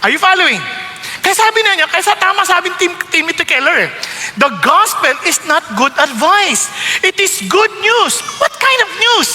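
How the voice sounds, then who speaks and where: A Filipino pastor with a very high, bright voice preaching in a reverberant hall. He mixes Tagalog and English and keeps asking his listeners questions, with faint room noise behind him. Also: very animated, moderate pace. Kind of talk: sermon.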